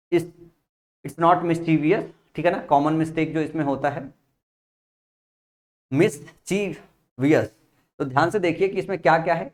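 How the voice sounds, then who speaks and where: A teacher giving an exam-prep lesson, spelling words out letter by letter and often checking in with the listener. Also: mid-range voice. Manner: explains with memory tricks, repeating key points.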